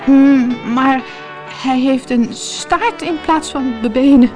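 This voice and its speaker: A woman's voice: low-pitched, normal speed, music in the background, lightly acted. A woman voicing an old, timid male submarine in a storybook, with anxious, breathless exclamations. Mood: astonished.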